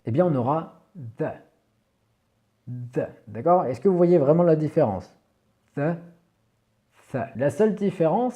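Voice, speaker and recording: A man whose first language is French, patiently teaching English pronunciation in a video lesson and repeating each word slowly. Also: medium pitch, warm tone.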